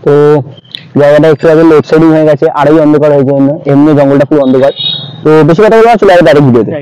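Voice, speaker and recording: A man's voice: on the high side, rapid-fire, warm tone, clear, resonant tone, no room sound, rough recording. A man chatting casually and spontaneously as he explores a spot for a ghost-hunting vlog. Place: outdoors at night in a dark field.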